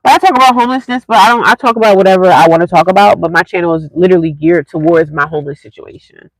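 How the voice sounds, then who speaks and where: Talking rapid-fire in a lowish voice, a congested young woman rambles chattily to her live stream viewers, addressing them directly. A cheap earphone mic captures her in a dry, rough recording.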